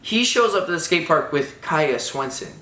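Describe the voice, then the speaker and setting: A young man telling his side of a story in a casual couple's chat, relaxed and rambling, with lots of "like". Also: on the high side, normal speed. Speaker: vlogger, BMX rider. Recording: echoey room.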